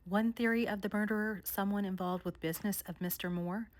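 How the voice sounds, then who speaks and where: A woman vlogger narrating a countdown of haunted places in a measured storytelling way. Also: mid-range voice, fairly even intonation, slight background noise. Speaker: paranormal vlogger. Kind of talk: scripted narration.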